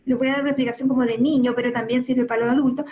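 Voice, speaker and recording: A woman's voice: high voice, little pitch movement, racing. A woman researcher giving an explanatory talk on language, often checking in with her listeners. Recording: dull lo-fi recording.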